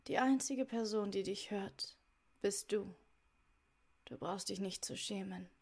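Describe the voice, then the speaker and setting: A woman guides a meditation softly and soothingly. She speaks very slowly, in short, separated phrases. Her medium-pitched voice has noticeable creak and can fade toward a breathy near-whisper as phrases end.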